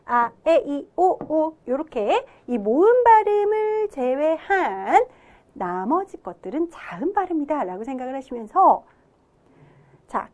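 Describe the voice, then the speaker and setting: Lively high-voiced woman teaching grammar. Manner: explains step by step, asks and answers her own questions. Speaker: English teacher. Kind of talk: classroom grammar lecture.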